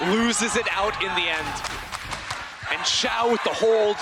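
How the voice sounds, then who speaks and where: A man working as an esports caster, giving animated, emphatic analysis of the match. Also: high-pitched, slow, a loud crowd. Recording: clear background noise.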